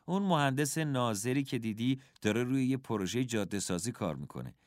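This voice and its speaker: Man doing a keen little boy voice, eager, raised up higher than his own. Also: no room sound, clean studio sound, close to an everyday voice. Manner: eager, excited. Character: eager young boy, the narrator's friend.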